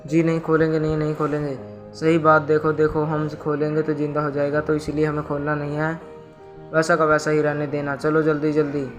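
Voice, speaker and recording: A man's voice: on the high side, completely flat delivery, fairly quick, soft background music, close to an everyday voice. A man voicing a band of scheming monkeys in a storybook tale, talking in eager, pleading chatter.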